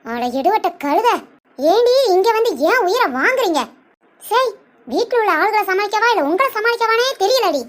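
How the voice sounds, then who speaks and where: A woman voicing a sharp-tongued village woman in a cartoon, scolding and name-calling. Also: very high voice, lively intonation, normal speed. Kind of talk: cartoon voice acting.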